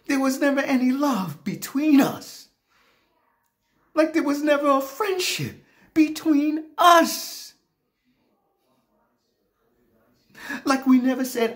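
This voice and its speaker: A man in his fifties playing an anguished husband in a failing marriage, in a hammy, theatrical stage monologue with emphatic delivery and drawn-out pauses. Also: extremely high pitch, fairly bright tone, heavily acted. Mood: indignant, hurt. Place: small plain room indoors.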